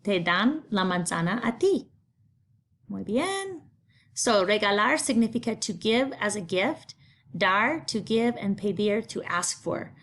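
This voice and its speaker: A middle-aged woman, patiently teaching a recorded Spanish lesson, explaining grammar step by step. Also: mid-range voice. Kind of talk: recorded remote class lesson.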